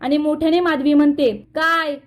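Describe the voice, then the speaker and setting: High-voiced woman recapping a serial. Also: fairly even intonation, brisk, a little mellow. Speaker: narrator. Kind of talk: retelling a TV serial episode.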